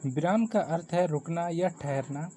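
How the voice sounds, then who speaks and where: Male exam-prep tutor, warm low-key tone, steady explanatory delivery, lists points by number. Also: measured pace, a little hiss or hum. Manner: reads definitions steadily, counting items off with English ordinals. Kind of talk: explanatory grammar lesson.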